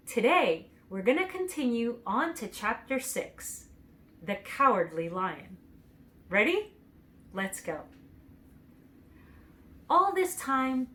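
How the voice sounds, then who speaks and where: A woman's voice: mid-range voice, a bit bright. Cheerful woman reading a children's story. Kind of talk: reading a children's book aloud.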